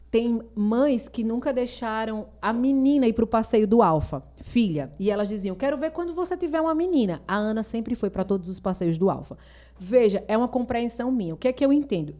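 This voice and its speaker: A middle-aged woman, a mother appearing as a guest on a school podcast, chatting frankly and telling lively family stories. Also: medium pitch. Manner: lively storyteller who acts out family dialogue; frank and opinionated. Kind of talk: casual podcast chat.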